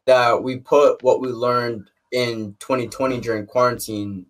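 A young man co-hosting a podcast, telling stories in a stumbling, animated way. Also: medium pitch, a little slow. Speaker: podcast co-host. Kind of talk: casual chat. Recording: distant from the mic.

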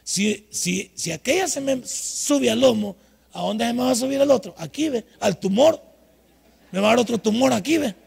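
An older man preaching a humorous, scolding sermon at a night vigil, with sudden loud outbursts. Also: extremely high pitch, lively intonation, moderate pace, long reverb tail. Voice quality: raspy, gravelly. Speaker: pastor.

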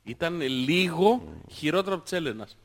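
A man's voice: fairly high pitch, lively intonation, a little hiss or hum. A young man co-hosting a podcast who laughs a lot and plays along with his friend's jokes. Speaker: podcast co-host. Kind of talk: casual comedic chat.

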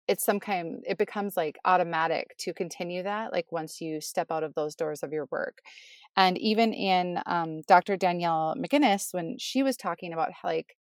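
Co-host type, a nurse, chatty woman recording inside a closet, dead dry sound, lowish voice. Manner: chatty, relaxed, many "like" fillers. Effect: muffled closet sound, dry with no room echo. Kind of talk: casual chat between friends.

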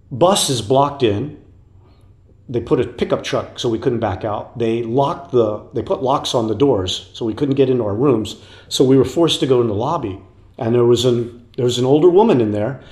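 A man telling rambling, animated road stories as a guest in a casual interview. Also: medium pitch. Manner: animated anecdotes with put-on voices, loose and rambling. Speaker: guest musician. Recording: roomy echo.

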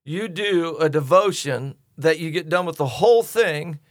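Emphatic man, slightly high voice. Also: no echo, clean studio sound. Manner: emphatic, quick to jump in with advice. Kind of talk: faith-based casual chat.

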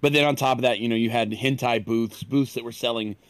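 A man co-hosting a podcast, chatting in a relaxed, rambling way. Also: mid-range voice, a little fast, clear, resonant tone, no echo. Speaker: podcast co-host. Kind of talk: casual podcast chat.

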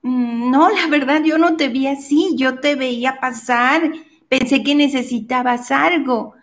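A woman doing a calm, indifferent man. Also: high-pitched, unhurried. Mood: matter-of-fact. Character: polite, indifferent young man.

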